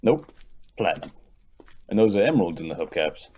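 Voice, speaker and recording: A young adult actor uses a deep, dark, breathy voice, exaggerated and sing-song, at a brisk pace. In an old-time radio drama he plays a nonchalant rich heir, casually boasting about his family's wealth.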